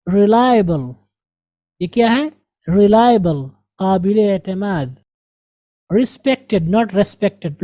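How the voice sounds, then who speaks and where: A woman teaching English with an Indian Urdu-speaking accent, her voice mellow and dark. She goes through words at a slow, deliberate pace and repeats each one for pronunciation. The recording is close and dry. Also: mid-range voice, dry recording. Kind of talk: grammar and vocabulary lesson.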